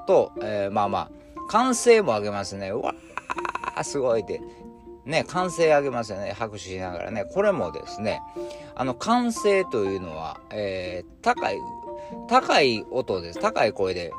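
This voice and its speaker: A man with a Kansai accent musing in casual talk, full of fillers, with music playing behind him. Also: lowish voice. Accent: Kansai Japanese. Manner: chatty, musing, many fillers. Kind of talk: casual spoken commentary.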